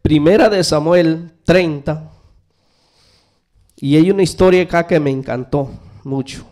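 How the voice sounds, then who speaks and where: A man's voice: fairly high pitch, a little slow, a little mellow. A male preacher giving a sermon, telling a story animatedly and having the congregation repeat phrases after him.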